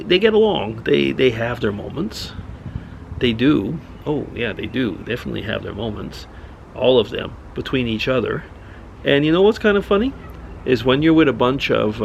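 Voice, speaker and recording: A man's voice: mid-range voice, gravelly, a little hiss or hum. A middle-aged man from Switzerland rambling in a casual monologue, restarting often as he thinks aloud. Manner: rambling, musing, many restarts. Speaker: vlogger.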